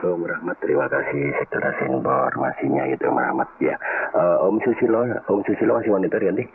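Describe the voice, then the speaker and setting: A man's voice: low-pitched, animated, fairly quick, gravelly, husky, dry recording. A man on an amateur radio net, heard over a shortwave two-way radio, friendly and polite, calling other operators by name. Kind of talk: casual radio net chat. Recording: tinny, noisy radio signal.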